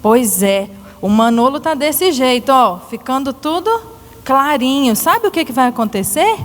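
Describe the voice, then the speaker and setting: A woman telling a Bible story to children in a church, animated and asking them questions. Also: high-pitched, a little slow, in a large hall. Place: church hall.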